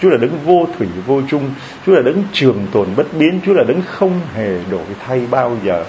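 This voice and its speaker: A man preaching to his congregation, his pitch swinging up and down as he jokes and asks questions. The recording is dull and lo-fi, with a faint hiss behind his voice. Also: big pitch swings, fairly quick, warm tone. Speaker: priest. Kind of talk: sermon.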